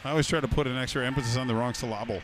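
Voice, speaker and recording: A man's voice: medium pitch, fairly even intonation, rapid-fire, a crowd in the background. A man giving live hockey color commentary, explaining plays in long analytical runs.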